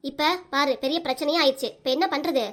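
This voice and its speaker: A short-tempered cartoon mother nagging her kids , voiced by a woman. She scolds in a highish voice at a rapid clip. She has a southern Tamil accent. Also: steady tone, close to an everyday voice. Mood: scolding.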